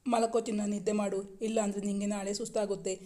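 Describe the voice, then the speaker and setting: A woman reading a gentle young husband. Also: mid-range voice, level tone, fairly quick, close to an everyday voice. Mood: tender. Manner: soft, soothing.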